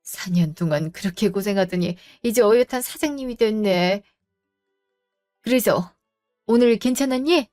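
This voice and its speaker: A woman's voice: mid-range voice, moderate pace, a little mellow, faint music behind, close to an everyday voice. A woman voicing a fond older mother who fusses tenderly over her grown daughter, in a storybook drama. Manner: fussing, tender.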